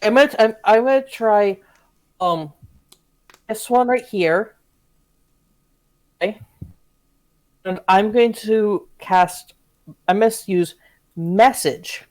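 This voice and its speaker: A player at a live tabletop game, talking through each move out loud. The speech is hesitant and halting, full of fillers as each choice gets worked out. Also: medium pitch. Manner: hesitant, thinking aloud with many fillers. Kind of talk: casual game play talk.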